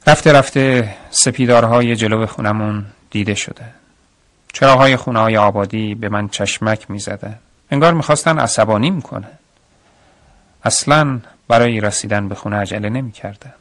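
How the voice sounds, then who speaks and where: A man's voice: fairly low pitch, a bit bright, no room sound. A man narrating a radio story in the first person, reflective and earnest, on a studio mic.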